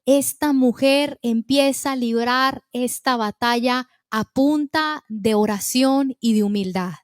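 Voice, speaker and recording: High-voiced woman preaching with fervor. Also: takes it slowly, no room sound, studio quality. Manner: impassioned, asks the listeners questions, acts out pleading prayers. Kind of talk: sermon to a women's meeting.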